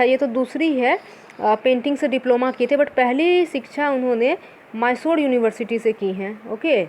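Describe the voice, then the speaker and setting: A woman's voice: high voice, darkish tone, a little hiss or hum. A woman teaching an exam-prep lesson. She poses her own questions and answers them, mixing English words into her talk.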